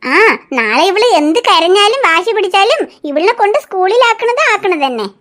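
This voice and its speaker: A woman's voice: extremely high pitch, very animated, moderate pace, a bit bright, exaggerated voice. A woman voicing a firm, matter-of-fact young mother in a cartoon. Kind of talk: cartoon voice acting.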